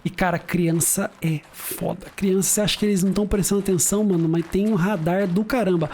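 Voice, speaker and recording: A man's voice: high voice, fairly even intonation, brisk, darkish tone, a little hiss or hum. Chatty laughing man streaming a game. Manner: chatty, laughing, slangy storytelling. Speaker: gaming streamer. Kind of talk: casual let's-play commentary. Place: home.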